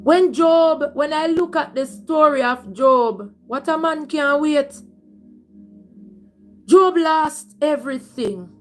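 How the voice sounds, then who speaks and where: High-pitched Jamaican woman preaching over music. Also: slow pace, few pauses. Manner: emphatic, repeats phrases, slips into Patois. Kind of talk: livestream sermon, conversational storytelling.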